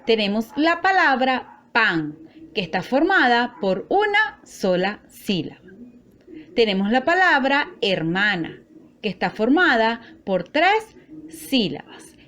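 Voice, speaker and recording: A woman teacher talks through a recorded lesson at an unhurried, deliberate pace. Her voice sits a little high and moves up and down a lot as she sounds out each syllable with care. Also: sing-song, a bit bright. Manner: slow, careful, spelling out syllables.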